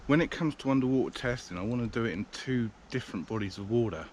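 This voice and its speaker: Walking along a countryside river, a British man vlogs a camera review, a bit breathless and speaking quickly in a medium-pitched voice. His talk is rambling and hesitant, full of fillers, recorded on the action camera's own mic with a slight hiss or hum.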